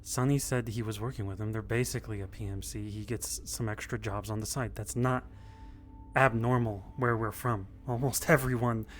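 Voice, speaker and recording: A man's voice: lowish voice, fairly even intonation, normal speed, faint music behind. A man speaking in character in a roleplay, tired and earnest, often restarting his sentences. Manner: weary, earnest, with false starts. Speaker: roleplay player.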